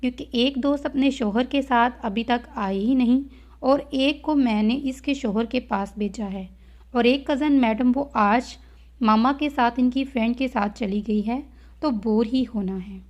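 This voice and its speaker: A woman's voice: a little high, unhurried, darkish tone, lightly acted. A woman reading the lines of a bold, feisty young bride in a storybook novel, in a sassy way. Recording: dull lo-fi audio.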